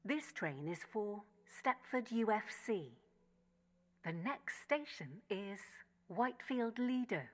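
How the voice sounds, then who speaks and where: A woman's recorded onboard train announcements, built from spliced-together words with a measured, even delivery. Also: medium pitch. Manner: slow, measured, even phrasing. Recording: long reverb, faint background noise.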